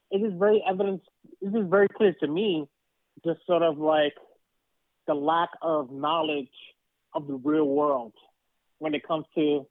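A man's voice: sits high, no room sound, narrow, tinny audio. A man giving his opinions in a casual podcast chat, often repeating words as he works toward his point.

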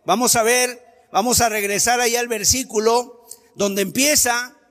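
A man's voice: extremely high pitch, fairly even intonation, unhurried, a bit bright, big-room sound. A man preaching a sermon, emphatic, asking many rhetorical questions and acting out the voices he quotes.

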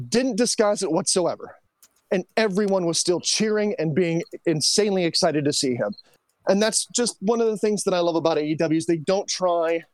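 A man co-hosting a casual podcast chat, giving an animated, opinionated rant with quick asides. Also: sits high, no room sound. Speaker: podcast co-host.

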